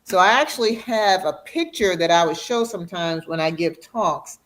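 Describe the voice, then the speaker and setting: A middle-aged woman speaks as a guest doctor in an interview, explaining clearly and patiently. She slows down to drive home important points and sometimes laughs as she talks. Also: lowish voice, animated. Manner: warm, explanatory, slows for emphasis. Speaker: radiation oncologist guest. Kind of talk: educational interview.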